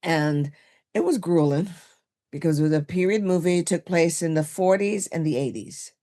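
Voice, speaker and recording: A woman in her sixties, originally from Barbados, telling stories as a guest in a podcast interview, chatty and animated, with fillers and laughs. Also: on the low side, moderate pace. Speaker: guest, makeup artist.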